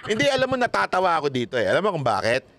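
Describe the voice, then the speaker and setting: A man's voice: on the high side, huge pitch swings, very fast, a bit bright, dry recording. A man giving casual political commentary, mocking and laughing often, throwing rhetorical questions at his viewers.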